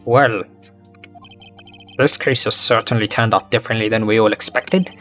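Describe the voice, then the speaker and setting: A man's voice: lowish voice, fairly even intonation, moderate pace, fairly bright tone, faint music behind, voice pushed down, close to an everyday voice. A man voicing an elderly male judge in a courtroom game, making formal, commanding pronouncements.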